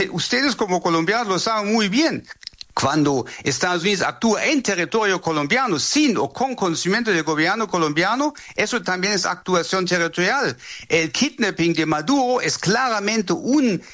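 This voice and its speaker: A German man with a German accent answering interview questions as a legal expert. His voice sits high and sounds bright, and he often pauses and repeats words while he looks for the next one. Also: animated.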